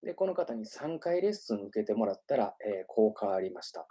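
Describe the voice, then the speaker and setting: Male language teacher on a relaxed livestream, husky, lively up-and-down delivery, lots of fillers. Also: fairly low pitch, fairly quick. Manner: chatty and self-promoting, filler-heavy. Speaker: English pronunciation teacher. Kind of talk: casual livestream talk.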